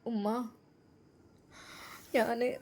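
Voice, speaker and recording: A woman's voice: extremely slow, a little mellow. A woman voicing an anxious, timid young woman in a dramatized story reading, with a hesitant, pleading way of speaking. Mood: worried.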